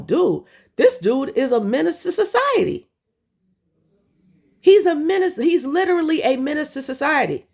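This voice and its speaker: A woman's voice: sits high, gravelly. A woman giving a heated commentary rant to her viewers. She is blunt and profane, and she stumbles over repeated words when she gets worked up. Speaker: commentary vlogger.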